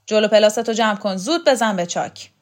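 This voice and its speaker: A woman voicing a fierce, bossy older woman commander who scolds and shouts insults in a loud, raised voice. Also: fairly high pitch, lively intonation, pitched above the performer's own voice, close to an everyday voice. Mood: furious scolding.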